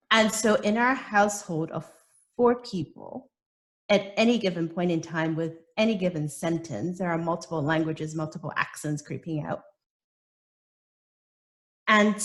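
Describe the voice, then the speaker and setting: On a video call, a middle-aged Hong Kong woman with a slight British accent and a lowish voice takes part in a webinar panel discussion. She reflects aloud through rhetorical questions and often restarts her sentences.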